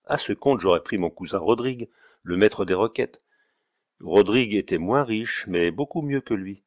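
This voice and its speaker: A man's voice: lowish voice, expressive, moderate pace, darkish tone, no echo, studio quality. A man voicing a vain, headstrong young society bride who speaks in a declamatory way. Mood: indignant.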